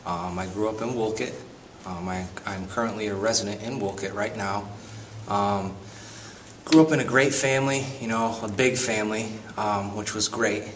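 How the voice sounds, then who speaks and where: A man's voice: lowish voice, normal speed, recorded from a distance, slight background noise. A man in his late twenties from Connecticut, rambling through his memories with many restarts for a documentary. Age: 20s. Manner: rambling, lots of you-knows and restarts. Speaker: interviewee. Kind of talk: documentary testimony.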